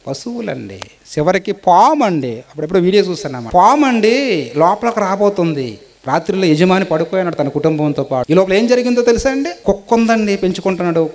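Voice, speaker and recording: A man preaching a sermon, politely asking his listeners question after question and swinging between raised and hushed delivery. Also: sits high. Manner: polite, asks the listeners many rhetorical questions.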